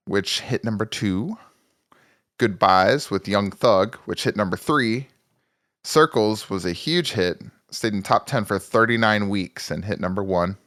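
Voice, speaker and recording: A man's voice: on the low side, a bit bright, no echo, clean studio sound. A man co-hosting a music podcast in casual chat, joking and self-mocking, rambling with restarts. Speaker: podcast co-host.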